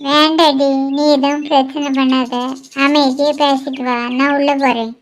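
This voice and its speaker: A woman doing sharp-tongued cartoon girls. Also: high-pitched, level tone, unhurried, a little hiss or hum. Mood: teasing. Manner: sharp-tongued, teasing, scolding. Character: bickering young women in a clothing shop. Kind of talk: cartoon voice acting, one voice for several girls.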